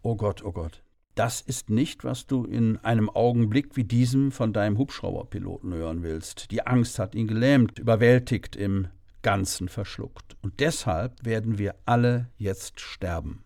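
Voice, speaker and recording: A middle-aged man calmly narrating a first-person audiobook story in a measured way. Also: on the low side, vocal fry, no echo, studio quality.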